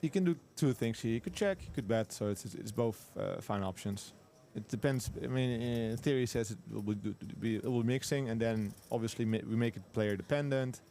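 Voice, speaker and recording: A man's voice: medium pitch, fairly quick, few pauses, dark tone, a little hiss or hum. A man commentating live poker, breaking down hand strategy in detail with frequent restarts and repeated agreement.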